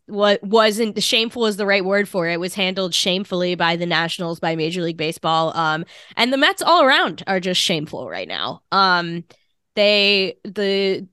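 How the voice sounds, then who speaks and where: Podcast host, woman, sick with a cold: raspy, congested voice, casual sports chat, dry close sound. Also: mid-range voice, sharp tone, dry recording. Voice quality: raspy, stuffy-nosed.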